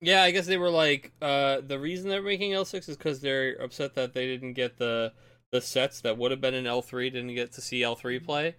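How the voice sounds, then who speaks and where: A man co-hosting a casual card game podcast, chatty and enthusiastic, quick to laugh. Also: medium pitch, a bit bright, clean tone. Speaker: podcast co-host.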